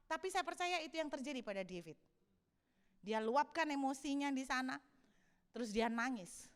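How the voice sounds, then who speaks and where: A woman pastor preaching a sermon in an animated way, acting out scenes of shouting and crying. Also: high voice, moderate pace, clean tone. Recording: long hall reverb.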